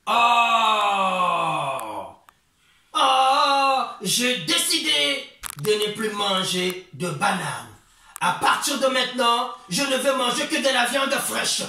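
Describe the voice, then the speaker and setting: A man voicing a stubborn, demanding female monkey wife in a children's tale, giving loud, bossy ultimatums. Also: very high-pitched, big pitch swings, slow, full character voice. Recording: echoey room from far off.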